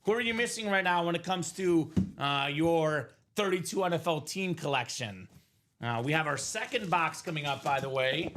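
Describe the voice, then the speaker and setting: An upbeat man in his thirties, originally from Bulgaria, hosts a live card-break stream. His voice sits high and sounds bright and forceful as he hypes up each pull and calls viewers brother. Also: expressive, normal speed, slight background noise. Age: 30s. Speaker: host of a live sports card break show. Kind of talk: live stream sales chat.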